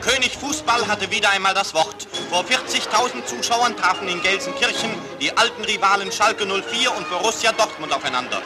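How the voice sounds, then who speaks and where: A man announcing a football match on an old newsreel soundtrack, in a brisk, declamatory announcer style. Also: sits high. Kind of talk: 1950s newsreel sports commentary. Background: loud newsreel music.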